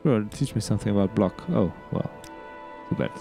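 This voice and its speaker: A giddy, upbeat man rambles through his own gameplay in a casual let's play. His voice sits low, and he often restarts his sentences and trips over his words. Faint game music plays underneath. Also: lively intonation, a little fast, creaky.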